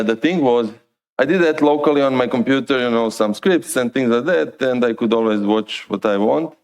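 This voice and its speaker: On a conference stage indoors, a man with a Croatian accent gives an informal, hesitant lightning talk. His voice is medium-pitched, smooth and darkish in tone.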